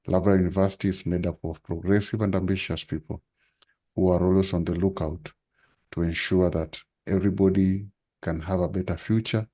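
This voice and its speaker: A man's voice: low voice, mellow, slightly rough. A man hosting an online webinar, giving a formal introduction of the speaker over a video call, with speech-like, repetitive phrasing. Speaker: webinar host.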